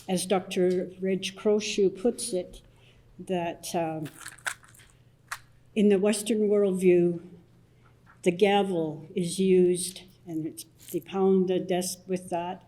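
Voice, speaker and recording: An older woman, an elder from the Blood Tribe in southern Alberta, Canada, leads a smudge ceremony and gives an opening blessing and explanation at a public assembly. Her low, mellow voice stays steady as she speaks slowly and softly, halting often with many pauses and restarts. The recording is rough.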